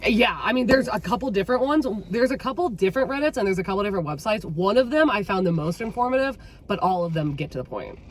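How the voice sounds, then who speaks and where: Lively animated woman chatting about books. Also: mid-range voice, fast, hardly any pauses. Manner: animated, swearing, quotes herself dramatically. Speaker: book vlogger. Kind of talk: casual book chat.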